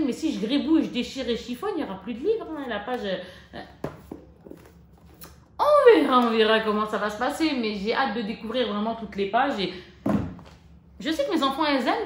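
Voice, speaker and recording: Lively, chatty woman in an echoey room. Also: on the high side. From France. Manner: chatty, excitable, joking asides. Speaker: vlogger showing a shopping haul. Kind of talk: casual chat to camera. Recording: echoey room with faint noise.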